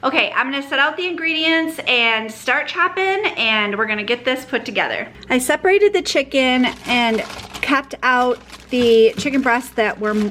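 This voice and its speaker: A woman's voice: fairly high pitch, fairly bright tone, slight background noise. A woman narrating a casual shopping and cooking vlog in a chatty, upbeat way, thinking aloud as she goes. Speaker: home cook and shopping vlogger.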